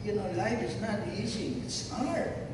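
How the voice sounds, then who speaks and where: A man in his seventies with a Filipino accent, a former teacher giving slow, reflective, fatherly advice to his old students at a reunion. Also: high-pitched, animated. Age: 70s. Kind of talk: heartfelt speech to former students. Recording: echoey hall from far off, noisy.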